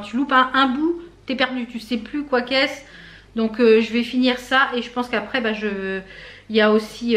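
A woman talks casually to her viewers in a slightly high voice. Her voice is hoarse and she runs short of breath. She rambles along, full of little hesitations. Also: fairly bright tone. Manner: chatty, full of fillers and hesitations. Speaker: beauty vlogger. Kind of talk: casual vlog chat to camera.

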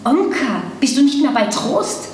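A woman's voice: sits high, big pitch swings, a little slow, slight background noise. A woman reading aloud a bewildered young man who stammers and hesitates, in an echoey hall from a distance. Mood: agitated. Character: bewildered young man, gentle then upset. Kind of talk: literary reading.

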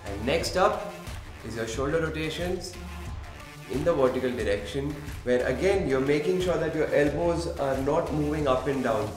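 A man's voice: fairly high pitch, normal speed, reverberant, soft background music. A young man leading a home workout as a fitness trainer, explaining each move and counting reps aloud to keep everyone going. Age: young adult. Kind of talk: workout instruction. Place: home gym room, indoors.

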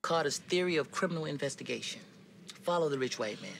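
An actor playing a brash, fast-talking male cop who boasts in street slang. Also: fairly high pitch, expressive, creaky, fairly bright tone, husky, exaggerated voice. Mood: scheming. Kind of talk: film dialogue.

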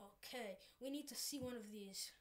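A woman's voice: a little high, normal speed, a little hiss or hum, close to an everyday voice. A woman voicing an angry, bossy male mad-scientist villain in a fan-made puppet cartoon. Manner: bossy, shouting.

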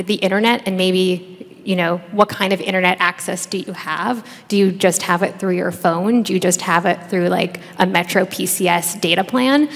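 A woman in her thirties, a researcher and author on a conference panel, answering thoughtfully with many fillers and restarts into a headset mic. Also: on the low side. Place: large conference stage. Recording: long reverb of a large hall.

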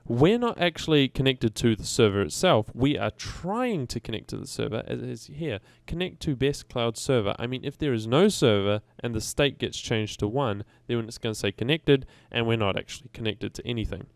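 A man's voice: medium pitch, animated, moderate pace, gravelly, hardly any pauses, no room sound. A man hosting a casual game-coding tutorial, chatty and rambling, who often stops to correct himself. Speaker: game development tutorial host.

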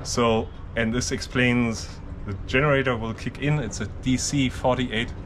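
A man's voice: mid-range voice, steady tone, measured pace, background noise. A man in his fifties, a boat owner, giving technical explanations in an interview from a cramped engine hatch. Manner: technical, explains while pointing at equipment. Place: cramped engine hatch of a moored catamaran, outdoors.

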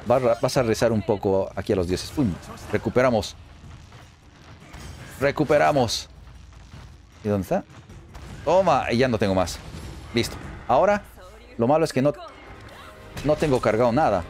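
A man giving excited let's play commentary, chatty and often repeating phrases in quick bursts. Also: medium pitch. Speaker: gameplay commentator. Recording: faint game music underneath.

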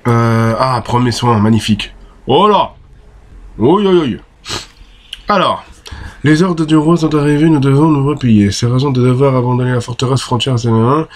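A man with a French accent commenting on his own gameplay, excitable, swearing and shouting at the enemies. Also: mid-range voice, normal speed. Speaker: gaming video host.

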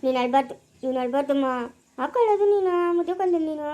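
A woman playing a sharp-tongued village mother. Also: high-pitched, animated, fast, dull audio. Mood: soothing. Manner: scolding workers, cooing to baby.

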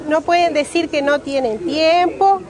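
A Uruguayan pastry cook in her forties, speaking with a Rioplatense Spanish accent, runs a live step-by-step cooking demonstration at an outdoor fair stand. Her voice is high and her pace measured, and she repeats key words as she works. Music plays behind her and a crowd can be heard outdoors.

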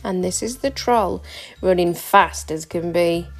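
Female storybook reader, slow rhythmic rhyme, creaky edges, soft music underneath. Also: lowish voice. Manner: rhythmic rhyming read-aloud. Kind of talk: reading a picture book aloud.

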